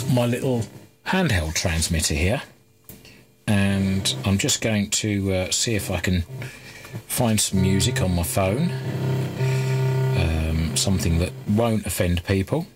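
Sitting low at his cluttered electronics workbench, a man in his thirties fixes an old radio and chats casually. He rambles, using fillers and restarting his sentences.

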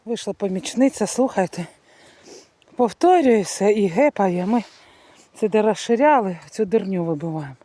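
A woman's voice: medium pitch, animated, normal speed, dark tone. A middle-aged woman vlogging casually outdoors in a village garden, chatting homely to the camera as she shows things. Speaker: family vlogger. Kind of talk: casual vlog narration.

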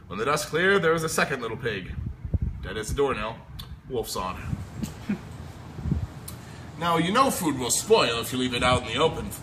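A man reads as a chatty, aggrieved storybook wolf pleading his innocence, folksy and emphatic. His medium-pitched voice is close to an everyday one, captured in a noisy amateur phone video.

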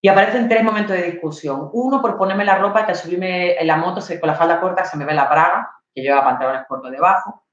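A nervous, coughing woman speaks from a very echoey home patio, picked up by a distant lo-fi mic, giving a storytelling monologue for an online talk. Her voice is fairly low and fast with few pauses. She's lively, acts out scenes and keeps checking in with the audience by asking "¿vale?".

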